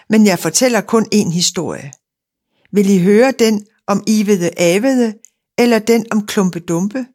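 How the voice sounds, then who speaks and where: A woman's voice: medium pitch, a little mellow, natural voice. A woman reading the part of a cheerful little stout man telling children a story.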